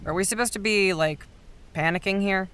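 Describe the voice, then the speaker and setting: A woman's voice: medium pitch, moderate pace, fairly bright tone, a little hiss or hum, close to an everyday voice. An actress playing a blunt, foul-mouthed young woman who leads the group with impatient exasperation. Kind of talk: audio drama acting.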